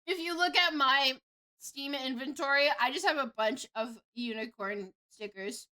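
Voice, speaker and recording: A woman livestreamer giving casual, expressive, slangy reaction commentary. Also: high-pitched, moderate pace. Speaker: reaction streamer.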